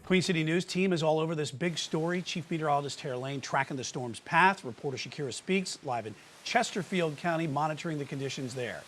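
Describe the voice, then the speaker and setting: A man's voice: fairly high pitch, fast, few pauses, fairly bright tone, faint music behind. A man anchoring a newscast with scripted broadcast delivery. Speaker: news anchor.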